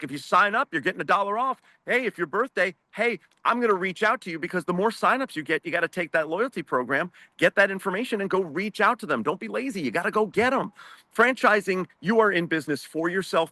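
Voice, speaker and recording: A man's voice: high-pitched, sharp tone, no echo. A man speaking on a video-call webinar panel as a franchise owner, emphatic and preachy, firing off rhetorical questions.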